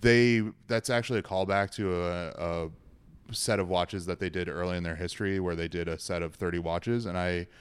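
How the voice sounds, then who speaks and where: A man on a podcast panel, telling an animated story in a loose, amused way. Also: sits low, a little fast, clean tone.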